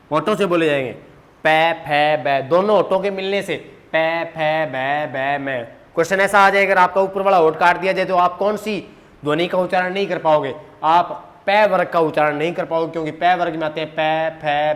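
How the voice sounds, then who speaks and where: A man's voice: high-pitched, fairly bright tone. A man teaching a grammar lesson at a board, quizzing his students with questions and answering them himself, drilling letters one by one.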